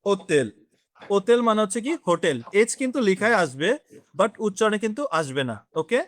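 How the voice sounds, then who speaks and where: A man's voice: high-pitched, expressive, no room sound. A man teaching a beginners' French class, explaining step by step and quizzing his students. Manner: explains slowly, quizzes the class, mixes in English words. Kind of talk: classroom lesson.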